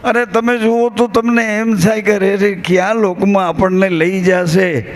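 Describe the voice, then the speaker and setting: Man, rural Gujarati accent, devotional storyteller at a gathering; slow, unhurried, high-pitched, folksy delivery with quoted verses. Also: level tone. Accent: Gujarati, rural Saurashtra. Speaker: bhajan singer and spiritual speaker. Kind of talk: devotional discourse to a live gathering.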